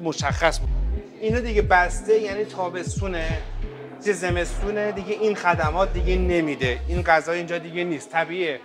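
A man giving a chatty walking tour of a hotel buffet restaurant, talking straight to his viewers with lots of fillers. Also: a little high. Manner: chatty, addresses viewers as friends, many fillers. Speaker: hotel review vlogger. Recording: background music under voice. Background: background music.

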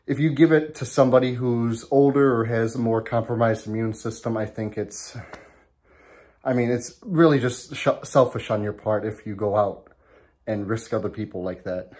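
A man's voice: medium pitch, steady tone, moderate pace, a little mellow. A man in a casual home vlog, talking from his garage into a handheld camera, rambling with lots of ums and restarts and a bit out of breath. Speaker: vlogger.

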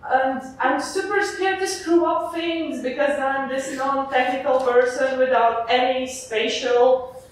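A young woman from eastern Latvia with a Latvian accent gives a chatty, animated conference talk with frequent "uh" fillers. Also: high-pitched, measured pace, slight background noise. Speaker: conference speaker. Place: large lecture hall with audience. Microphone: far camera in the audience. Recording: echoey hall from far off.

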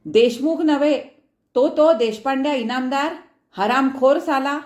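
A woman voicing a furious, short-tempered middle-aged father who shouts abuse in loud outbursts, heard in an echoey room. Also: a little high, fairly even intonation, normal speed, pitched above the performer's own voice, close to an everyday voice.

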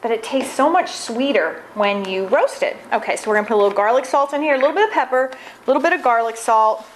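A woman in her forties with a slightly high, expressive voice speaks quickly in a rough recording with audible background noise. She's a cooking show host giving a casual, upbeat demonstration in a large home kitchen, chatting as she preps food by hand.

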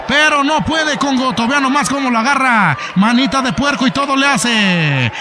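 High-pitched, shouting Mexican male wrestling commentator. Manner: shouting, excitable, playful, quoting wrestlers and crowd. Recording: loud arena noise behind voice.

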